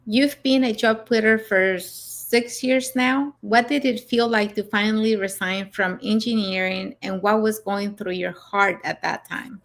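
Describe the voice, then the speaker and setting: A woman's voice: medium pitch, steady tone, a little slow, hardly any pauses. A woman hosting an interview, affirming her guest and leaning on "you know". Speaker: host. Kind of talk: interview chat.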